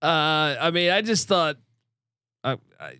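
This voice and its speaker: Male sports pundit, slightly high voice, blunt, profane, halting restarts, very dry recording. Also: animated, pushed and bright, clean tone, no room sound. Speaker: podcast guest and college football pundit. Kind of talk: opinionated casual sports talk.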